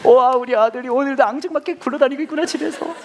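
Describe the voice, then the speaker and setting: Guy doing a sappy dad voice, super high, sing-songy and over the top. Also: quick pace, slight background noise. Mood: doting. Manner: exaggerated, doting, sing-song. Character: middle-aged father gushing over his lazy teenage son.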